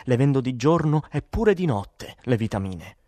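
A worn-out, exasperated woman vitamin seller, as a male audiobook reader puts her on, pushed up in pitch from his low voice and louder than his narration. She swears and presses every point hard. The read is dry and close. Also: very animated, normal speed, dry recording, close to an everyday voice. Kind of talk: audiobook character voice.

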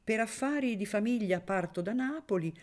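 A reader voicing a witty, jovial elderly gentleman in an audiobook reading of a novel, in a raised voice. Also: medium pitch, lively intonation, moderate pace, pitched above the performer's own voice, close to an everyday voice.

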